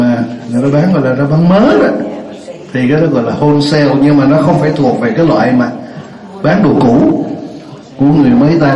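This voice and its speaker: A man's voice: a little high, warm tone. Older man teaching in an echoey room. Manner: chatty, joking, repeats words slowly. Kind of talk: classroom English lesson. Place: classroom. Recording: roomy, dull lo-fi classroom recording.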